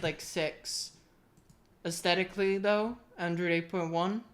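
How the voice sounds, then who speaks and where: Casting: woman from the UK, deep voice, casual vlogger style, rambling, sweary, opinionated ranting. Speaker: tech vlogger.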